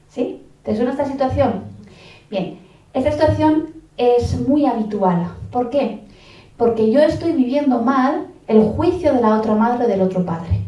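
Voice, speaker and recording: A woman's voice: a little high, warm tone. A woman giving a conference talk on parenting, chatty and always checking in with her audience. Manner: conversational, checks in with listeners often. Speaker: lecturer on parenting. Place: conference hall. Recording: roomy hall, voice from a distant mic.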